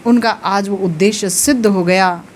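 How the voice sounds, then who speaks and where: A female spiritual teacher with a mid-range voice gives a devotional discourse. She tells a sacred story slowly, her emotional emphasis building as she goes.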